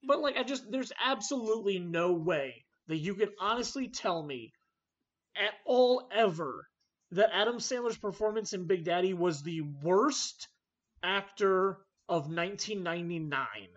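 An animated man hosts a casual movie chat, ranting with energy. His pitch jumps around as he argues his points. The recording is a little dull and lo-fi. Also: measured pace. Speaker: podcast host. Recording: slightly dull lo-fi audio.

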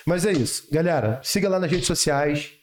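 A man's voice: a little high, expressive, moderate pace. A man in his late twenties with a Brazilian Portuguese accent, chatting casually and jokingly in slang as a podcast host. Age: late 20s. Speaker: podcast host, ex-army sergeant and exam-course seller.

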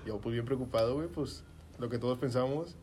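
A man's voice: mid-range voice, brisk. Young mexican guy telling a wild story to his friends, lots of slang and swearing, bit of hiss behind. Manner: slangy, swearing, acts out his own shouting in quotes. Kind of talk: casual storytelling among friends.

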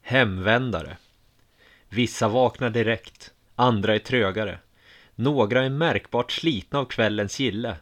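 Calm low-voiced male storyteller. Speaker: narrator. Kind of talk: first-person audiobook narration.

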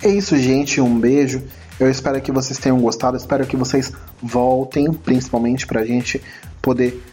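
A Brazilian man with a hoarse, failing voice hosts a solo podcast, talking informally and a little hesitantly straight to his listeners. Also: mid-range voice, steady tone, normal speed, warm tone, soft background music. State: hoarse failing voice from throat trouble. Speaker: podcast host. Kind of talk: casual solo film review podcast talk.

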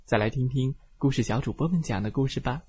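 A man telling a bedtime story to children, lively and expressive as he narrates. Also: medium pitch, quick pace, breathy edge.

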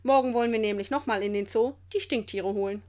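A woman's voice: medium pitch, fast, warm tone, lightly acted. A woman voicing a small, eager Olchi child creature in a children's storybook.

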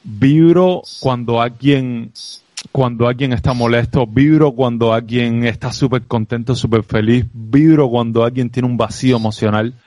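A man with a Cuban accent, a guest on a podcast, talks about sales in an animated, reflective way, often asking "¿sabes?". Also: mid-range voice, moderate pace, no room sound. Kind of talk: casual interview conversation.

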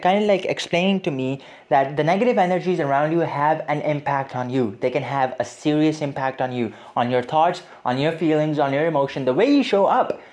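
A young man from Pakistan hosts his own motivational podcast and talks through it in a loose, rambling way. His pitch sits in an ordinary middle range. He leans on fillers and restarts the way people do in casual chat. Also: darkish tone. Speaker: podcast host.

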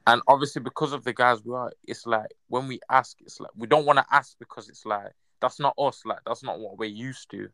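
Young London man, roadman slang, gravelly edge. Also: medium pitch, fairly even intonation, brisk, few pauses, fairly bright tone, dry recording. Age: young adult. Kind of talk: casual group chat.

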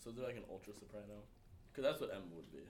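A man's voice: on the low side, animated, racing, slight background noise. A teenage boy who leads the chat, asking questions and teasing his friends. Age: teens. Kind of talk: casual chat.

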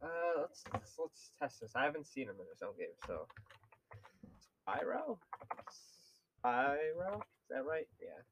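A man's voice: medium pitch, sing-song, brisk, few pauses, slight background noise, low-quality recording. A young man co-hosting a casual podcast chat, rambling with lots of fillers and laughs. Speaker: podcast co-host.

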